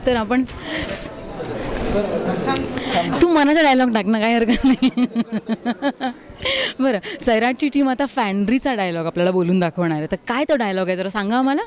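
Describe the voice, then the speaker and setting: A woman's voice: fairly high pitch, normal speed. A woman radio host casually interviewing young actors, teasing them and laughing often.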